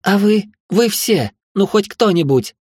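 A man's voice: measured pace, darkish tone, breathy edge, no echo, clean studio sound. A frantic young woman, as a man puts her on. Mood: angry. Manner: shrill, frantic pleading. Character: desperate young woman pleading for help.

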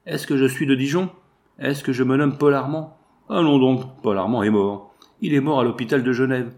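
A man's voice: medium pitch, lively intonation, moderate pace, darkish tone, lightly acted. A man voicing a drugged, crazed male murderer who boasts feverishly of his crimes. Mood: wild boast. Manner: feverish, boastful, laughing strangely.

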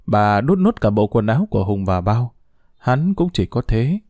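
A man narrating a family drama in an expressive, dramatic storytelling manner. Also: lowish voice, normal speed, dry recording, studio quality.

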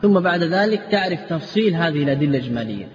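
A man's voice: on the high side, animated, very fast, lo-fi sound. Man lecturing in an echoey hall. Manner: quizzes students with rhetorical questions and answers them himself; repeats and drills word forms. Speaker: Islamic scholar teaching a class. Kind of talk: classroom lecture on legal theory and grammar.

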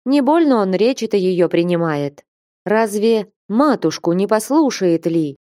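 A woman voicing a worried, pious old male servant in an audiobook, slow and musing. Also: mid-range voice, lively intonation, mellow, no echo, studio quality, close to an everyday voice. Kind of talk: audiobook character reading.

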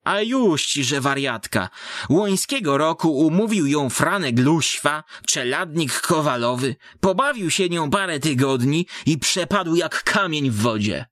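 A shrill, pious old countrywoman, high and scandalized, gossiping and scolding in a storybook reading, as a male narrator puts her on. Her voice is dry and close. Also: lively intonation, unhurried, a bit bright, no room sound. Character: scolding old village woman.

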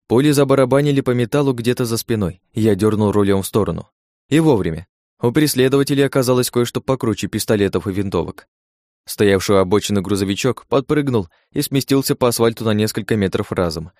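Male audiobook narrator, low voice, dry close recording, steady first-person reading. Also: no room sound.

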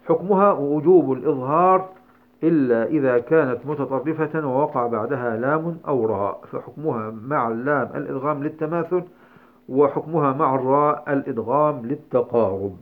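A man's voice: medium pitch, brisk. A man giving a tajweed lesson, explaining the rules step by step with frequent "aah" fillers. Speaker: Quran recitation teacher. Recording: tinny phone-like lo-fi audio.

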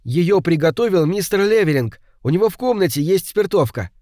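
A man voicing an eager young boy in an audiobook, speaking up high and loud. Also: animated, a little fast, no echo, clean studio sound. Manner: eager, raised and bright. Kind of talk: audiobook reading.

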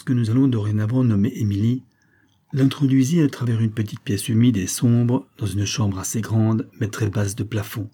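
A man narrating a classic short story in a measured, even storytelling delivery. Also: fairly low pitch, husky. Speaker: audiobook narrator.

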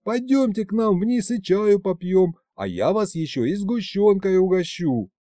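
A man voicing an excitable young man who shouts and pleads eagerly. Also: high voice, unhurried, no room sound, clean studio sound, pitched above the performer's own voice.

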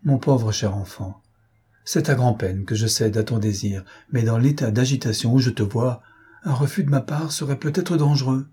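A man's voice: medium pitch, normal speed, warm tone, husky. A man voicing an anxious, tender elderly aunt and governess, pleading and soothing by turns, in an audiobook. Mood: solemn.

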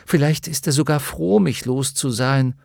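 A man voicing a proud, touchy young boy in an audiobook, quick to take offense. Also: medium pitch, gravelly, a little mellow, no echo, clean studio sound, pitched above the performer's own voice. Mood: bitter. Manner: touchy, defensive. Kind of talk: audiobook character voice.

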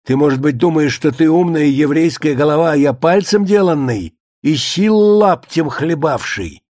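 A man's voice: a little high, expressive, moderate pace, darkish tone, no room sound, clean studio sound. Man voicing a blustering Soviet bigwig. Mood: furious. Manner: scornful, hectoring tirade. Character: pompous older male Soviet official, boozy, blustering.

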